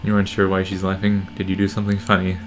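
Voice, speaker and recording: A narrator reading a visual novel game aloud in a deadpan way. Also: low-pitched, very fast, background noise. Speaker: narrator in a let's play.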